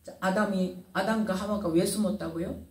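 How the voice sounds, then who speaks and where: A woman pastor delivers a sermon, peppering her listeners with rhetorical questions and swinging her voice between loud and hushed. She sounds set back from the microphone in a reverberant sanctuary. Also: mid-range voice, steady tone, moderate pace. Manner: fires rhetorical questions at the congregation, dramatic swings in loudness. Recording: roomy sound from a distant mic.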